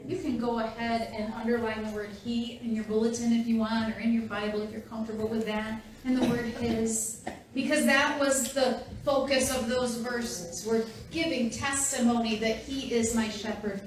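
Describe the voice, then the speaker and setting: A woman's voice: a little high, fairly even intonation, normal speed, crowd noise. A woman pastor delivering a conversational sermon to her congregation, speaking directly and playfully to the listeners. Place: church sanctuary. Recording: very echoey, distant church hall recording.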